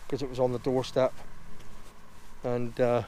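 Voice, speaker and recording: A man's voice: mid-range voice, flat delivery, measured pace, dark tone, slight background noise. A man, chatting informally as he films a casual outdoor hiking vlog. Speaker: vlogger, father. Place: outdoors on a country walk.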